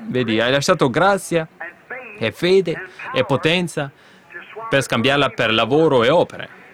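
A man delivering a fiery sermon at a middle pitch. He swings between loud, emphatic calls to his listeners and quiet, muttered asides. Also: animated, measured pace, a crowd in the background. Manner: fervent preaching with sudden emphatic outbursts and hushed asides. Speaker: preacher.

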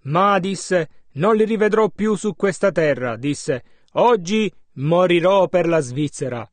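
A man interpreting a sermon, measured and following the preacher's emphasis. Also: sits high, lively intonation, no echo.

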